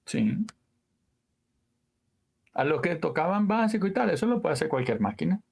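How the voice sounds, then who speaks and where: A man, a guest audio engineer telling stories in a casual interview, animated and full of sound words and trailing asides. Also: a little high, normal speed, gravelly, slightly rough.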